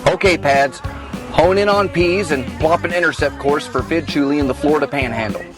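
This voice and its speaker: A man playing an excitable doctor who hosts a goofy road-trip show, with a hammy showman's delivery. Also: fairly high pitch, a little fast, over music, natural voice. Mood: brisk, businesslike. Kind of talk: comedic show hosting and banter.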